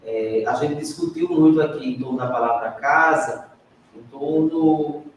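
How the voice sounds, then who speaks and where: A man's voice: medium pitch, wildly swooping pitch, measured pace. A Brazilian man teaches a group, asking questions and tagging his sentences. He sounds far from the mic in a roomy hall with a long echo and a faint hiss behind him. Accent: Brazilian Portuguese. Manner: adds "né?" often, prompts the group to answer. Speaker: teacher leading a training session. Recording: echoey classroom, recorded from a distance.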